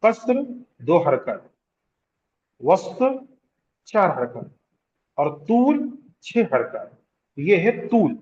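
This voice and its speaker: A man teaching Quranic recitation rules in a slow classroom lecture with a Hyderabadi Urdu accent, repeating terms, asking the class questions and drawing out vowels to show their length. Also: on the high side, big pitch swings, a little mellow, dull audio. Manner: draws out vowels to demonstrate elongation. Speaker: tajweed teacher.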